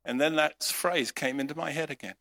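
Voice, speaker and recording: A middle-aged man preaching a sermon, telling a personal story with dramatic swings between loud outbursts and hushed tones. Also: on the high side, moderate pace. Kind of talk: sermon with live interpretation.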